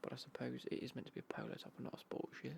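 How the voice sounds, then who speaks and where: A British man whispering in a casual, rambling ASMR unboxing style, breathy and hushed, with dry, understated commentary. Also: monotone, racing. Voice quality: breathy, hushed whisper with creaky low murmur. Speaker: ASMR vlogger showing golf clothing.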